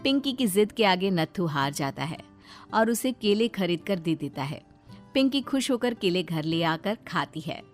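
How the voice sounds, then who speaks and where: A woman's voice: lowish voice, sing-song, normal speed, faint music behind. A woman narrator reading a scripted children's story.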